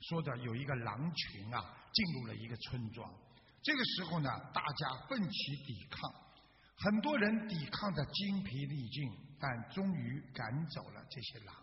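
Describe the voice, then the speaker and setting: A man giving a sermon and telling a parable, emphatic, swelling louder and slowing down on key words. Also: medium pitch, animated, gravelly. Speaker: religious radio talk host. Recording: distant echoey hall, dull faint hiss.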